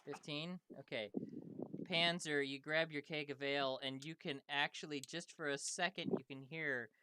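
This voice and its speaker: A man's voice: a little high, fairly even intonation, moderate pace, sharp tone, slight background noise. A man narrating a tabletop game as game master, casual, with frequent ums and restarts.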